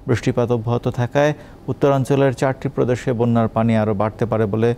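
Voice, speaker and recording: A man reads the afternoon headlines at a fast, steady clip. His tone is dark and mellow, with a formal bulletin cadence. A faint low rumble sits under the voice. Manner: brisk, formal bulletin delivery. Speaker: news presenter. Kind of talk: scripted news reading.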